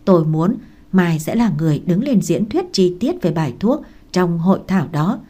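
A woman's voice: on the low side, animated, normal speed, warm tone. A woman reading the lines of a composed young male scholar in a storybook, patient and firm as he tutors. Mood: reassuring.

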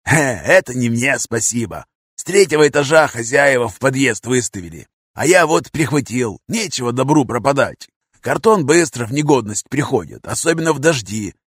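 A man voicing a hoarse, gruff male vagrant who talks in coarse street slang. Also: mid-range voice, animated, a bit bright, no room sound, clean studio sound, voice pushed up. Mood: chatty. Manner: slangy, coarse, drawn-out talk.

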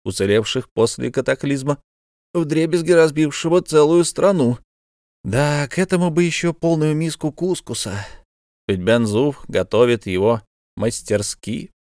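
A man's voice: medium pitch, darkish tone, dry recording, studio quality. A man narrating a novel as an audiobook reader, steadily telling the story and lifting his voice for the characters' lines. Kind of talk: scripted narration.

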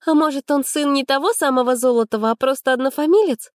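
A woman reading an audiobook, voicing a proud, quick-tempered young female student with sharp, defiant retorts. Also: high-pitched, dry recording, studio quality, pitched above the performer's own voice, lightly acted. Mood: wry.

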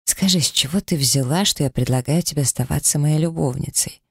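A man reading a romance audiobook, voicing a confident man in love who speaks softly and reassuringly. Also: on the high side, brisk, gravelly, husky, no echo, clean studio sound, heavily acted. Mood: tender. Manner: soft, warm-hearted and reassuring.

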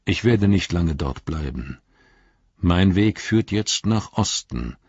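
A man's voice: low voice, expressive, darkish tone, slightly rough, no echo, dull audio, full character voice. A man voicing Gandalf, a grave ancient wizard. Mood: solemn. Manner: grave, measured, riddling. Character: ancient wise wizard, calm and commanding.

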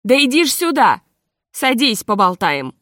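A woman's voice: a little high, big pitch swings, a little fast, darkish tone, slightly rough, no echo, clean studio sound. A woman voicing a brash, hearty guest in an audiobook story. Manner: hearty, bossy.

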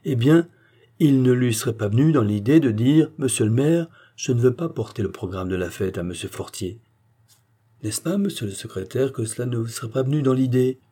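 A man voicing a calm, stubborn village philosopher who argues point by point in an audiobook reading. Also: mid-range voice, brisk, slightly rough. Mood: reasoning. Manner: calm, almost gentle, arguing point by point.

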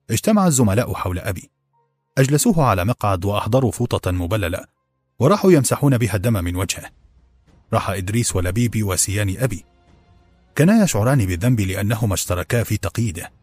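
A man narrating an audiobook in a measured, grave storytelling manner. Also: on the low side, animated, a little mellow, dry recording, soft background music. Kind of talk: scripted narration.

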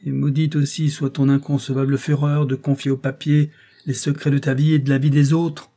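A man's voice: medium pitch, level tone, fairly quick, dark tone, pitched above the performer's own voice, natural voice. A man playing a curt, stern count. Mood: bitter. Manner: curt, hard. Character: stern, proud male count, curt and angry.

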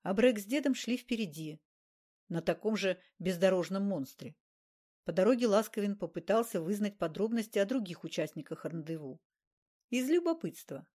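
A woman reading a crime novel aloud with steady, even narration. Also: mid-range voice. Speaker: audiobook narrator. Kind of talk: scripted narration.

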